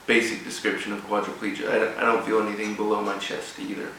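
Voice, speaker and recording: A man gives an informal motivational speech with a personal story, speaking haltingly in short broken phrases. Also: fairly low pitch, little pitch movement, pushed and bright. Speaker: guest speaker at a rugby club event. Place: echoey room, speaking before an audience. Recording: echoey room, distant mic, faint noise.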